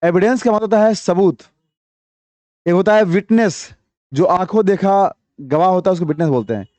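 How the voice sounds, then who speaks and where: A man teaching English grammar to a class, quizzing students with repeated questions and reading example sentences slowly before explaining them briskly. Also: high voice, darkish tone, dry recording.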